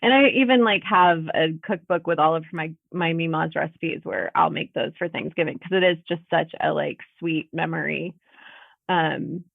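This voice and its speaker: A woman's voice: low voice, moderate pace, gravelly, no echo. A woman in her thirties chatting as a guest over a video call, with frequent laughs and fillers. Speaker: podcast guest. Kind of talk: casual conversational interview. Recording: tinny phone-like audio.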